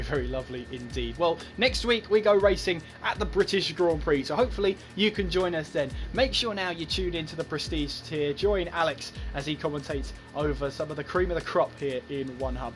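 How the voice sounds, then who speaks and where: A man's voice: fairly high pitch, brisk, few pauses, soft background music. A man hosting esports race commentary, talking in a chatty, breathless way with frequent fillers. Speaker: lead commentator and host.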